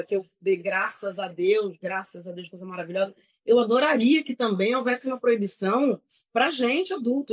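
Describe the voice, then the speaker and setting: A woman's voice: on the high side, poor audio. A woman with a Brazilian Portuguese accent, speaking as an interview guest in a frank, rambling, self-critical way with many restarts. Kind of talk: candid conversational interview.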